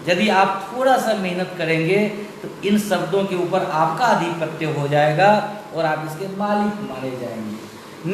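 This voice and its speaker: Male teacher, higher voice, slow deliberate delivery, recorded far from the mic with heavy echo. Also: a little hiss or hum. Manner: slow, emphatic, repeats each rule. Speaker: English teacher. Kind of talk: classroom-style pronunciation lesson. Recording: far from the mic in a very echoey room, faint ambience.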